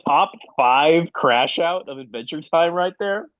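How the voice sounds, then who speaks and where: Man, podcast host, casual chat, mid pitch, dry lo-fi sound. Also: lively intonation, measured pace, dry recording. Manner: laughs often, leads the discussion. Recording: dry, dull lo-fi mic.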